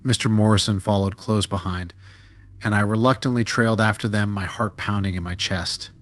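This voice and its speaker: A man giving a steady, dramatic scripted narration of a true-style horror story. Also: lowish voice, normal speed.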